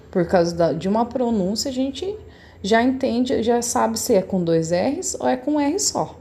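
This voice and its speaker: Patient woman teacher with a gravelly, mellow voice. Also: a little high. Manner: patient, explaining step by step to young pupils. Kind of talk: recorded remote class lesson.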